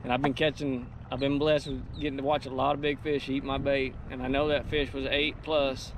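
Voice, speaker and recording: A man's voice: mid-range voice, level tone, a little fast. Guy fishing off a boat, folksy and heartfelt, wind roaring on the mic. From Oklahoma. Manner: candid, folksy and emotional. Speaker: pro bass angler. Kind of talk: fishing vlog narration. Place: outdoors on a fishing boat on a lake. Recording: wind noise outdoors.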